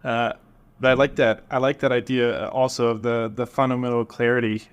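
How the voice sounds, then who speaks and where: A man's voice: medium pitch, flat delivery, brisk, smooth, muffled recording. A man in his thirties hosting a podcast, talking in a laid-back, rambling way and laughing easily. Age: 30s. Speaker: podcast host. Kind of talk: casual interview chat.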